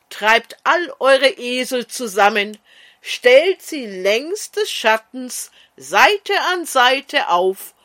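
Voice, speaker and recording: A woman storyteller voicing a wise trickster man who calmly hands out clever advice. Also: fairly high pitch, exaggerated voice.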